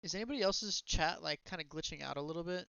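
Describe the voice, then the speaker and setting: A man casually talking with other tabletop game players, rambling and filling pauses with ums. His voice is fairly high and smooth, and the call audio sounds dull and dry. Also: bright, forceful tone, no echo. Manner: rambling, filler-heavy. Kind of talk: casual chat.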